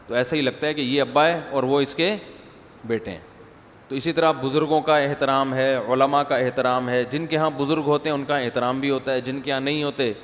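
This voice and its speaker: A man giving a conversational religious lecture to a gathering, slipping in humorous asides and asking the audience questions. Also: mid-range voice. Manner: humorous wordplay. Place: mosque gathering after night prayers. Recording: long hall reverb, faint background noise.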